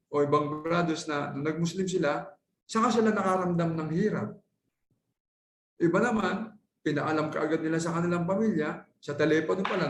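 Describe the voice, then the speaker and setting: A man from the Philippines lecturing a class in a slightly higher voice. He talks in a conversational way, checks in often with "okay?" and slips into English phrases. The sound is roomy and echoey, as if recorded in a lecture hall. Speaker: Islamic lecturer. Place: lecture hall at a dawah center.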